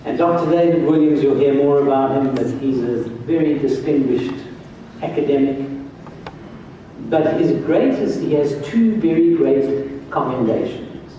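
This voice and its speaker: An older man from South Africa addressing a congress as a church health director, speaking slowly and earnestly. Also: mid-range voice, warm tone, a little hiss or hum. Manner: slow, earnest, emphatic. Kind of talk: conference address and prayer. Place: large hall, on stage. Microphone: far camera, room mic. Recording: very echoey hall from far off.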